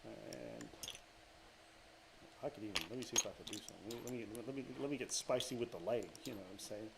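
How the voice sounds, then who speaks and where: A man's voice: on the low side, animated, quick pace. A man narrating a tabletop game as dungeon master, hesitant, with frequent fillers and restarts. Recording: clear background noise.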